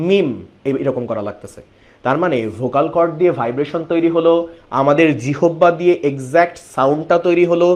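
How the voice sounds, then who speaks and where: A man's voice: a little high, darkish tone. A man teaching an online biology class, explaining step by step and often asking his students questions.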